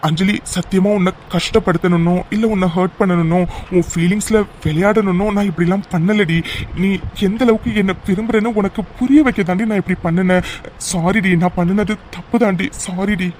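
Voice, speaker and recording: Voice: mid-range voice, steady tone, fairly quick, a little mellow, a little hiss or hum, lightly acted. A voice actor playing a playful young cartoon lover who keeps begging forgiveness in a wheedling, apologetic way. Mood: pleading. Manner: wheedling, apologetic with repeated endearments. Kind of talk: cartoon voice acting.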